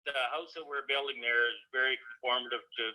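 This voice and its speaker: A man, a home builder, talking plainly and haltingly through a phone that is held up to a microphone and replayed through a speaker. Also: medium pitch, fairly even intonation. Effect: phone call held up to a microphone and replayed through a speaker. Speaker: home builder applying for a variance. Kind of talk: casual remarks at a council meeting.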